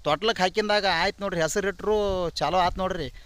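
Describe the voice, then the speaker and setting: A man's voice: high-pitched, fast, fairly bright tone. A man with a North Karnataka Kannada accent, telling folk stories in a chatty way and stopping to sing verses. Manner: chatty, addresses listeners with polite asides. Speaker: vlogger. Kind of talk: folk storytelling with sung verses.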